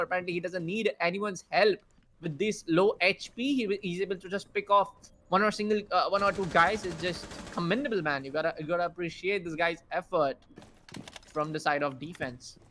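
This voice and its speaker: A man casting a live esports match, his voice bright and forceful and set a little high. He calls the play quickly and excitedly, with plenty of fillers and restarts, and a faint background hiss sits behind him. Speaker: esports caster. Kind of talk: live play-by-play game commentary.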